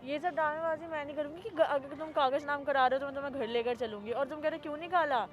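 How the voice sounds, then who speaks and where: Brief: impatient scolding daughter-in-law, played by a woman, fast high-pitched delivery. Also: close to an everyday voice. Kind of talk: staged family drama.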